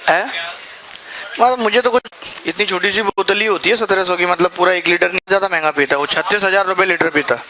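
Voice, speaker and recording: A man's voice: high-pitched, fast talker, crowd noise. A young man, a maths teacher, telling his class a chatty story that gets heated, with laughter. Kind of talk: casual anecdote told to a class.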